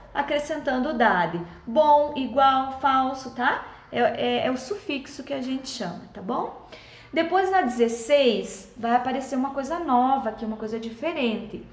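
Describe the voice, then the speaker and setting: A woman teacher, patiently explaining schoolbook exercises to children in a friendly way and checking in often. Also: high-pitched. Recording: echoey room.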